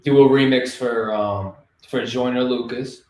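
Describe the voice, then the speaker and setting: A man's voice: medium pitch, steady tone, unhurried, a little mellow, roomy sound, rough recording. A young adult man with a Boston accent, co-hosting a casual hip hop podcast in a laid-back way with many fillers. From Boston area.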